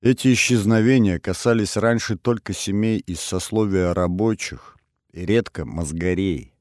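A man's voice: low voice, darkish tone, dry recording, clean studio sound, close to an everyday voice. A man voicing a blunt, level-headed young woman who speaks curtly and matter-of-factly, in an audiobook. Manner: curt, matter-of-fact.

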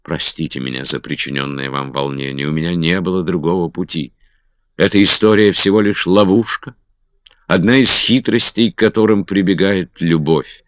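A man's voice: sits low, steady tone, normal speed, no echo, pitched above the performer's own voice, close to an everyday voice. A man playing a Spanish nobleman who speaks gallantly and hurriedly, pleading his case, on a dull, dry recording. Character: Spanish nobleman, smooth seducer turned sheepish.

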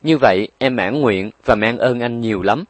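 A man's voice: mid-range voice, moderate pace, no room sound, lightly acted. A man voicing a frail young mother who is desperate and pleading, in a weak, raised voice. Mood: tearful.

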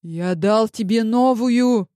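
A woman's voice: fairly high pitch, slow, slight background noise. A woman narrator voicing a cautious, unsure husband. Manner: hesitant, quiet. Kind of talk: audiobook character voice.

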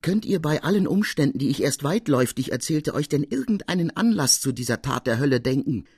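A man's voice: on the high side, animated, fairly quick, darkish tone, husky, no echo, clean studio sound, voice pushed up. A man voicing an earnest noble lady who pleads in breathless, appalled outcries. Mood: pleading.

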